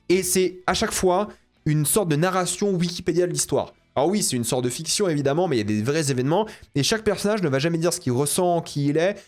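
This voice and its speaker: A man's voice: a little high, a little mellow. A young man giving a casual spoken film review, exasperated and ranting, repeating himself. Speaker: film critic.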